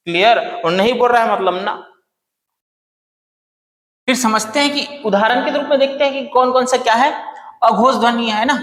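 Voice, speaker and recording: A man with a fairly high voice teaches a grammar lesson in a roomy space with long reverb. He keeps quizzing his class and answers each question himself, repeating the key terms again and again. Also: a bit bright.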